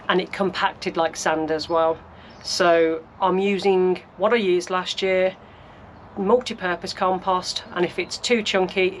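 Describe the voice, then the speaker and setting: A woman's voice: fairly low pitch, a little hiss or hum. A woman from the UK narrating her allotment sowing as she works, chatty and practical, thinking aloud. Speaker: gardening vlogger. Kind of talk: casual narration while working. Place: allotment greenhouse.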